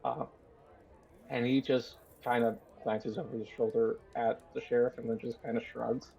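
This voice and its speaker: A man narrating a tabletop game as game master, unhurried and hesitant, with many fillers. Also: mid-range voice, flat delivery, creaky, highs cut off.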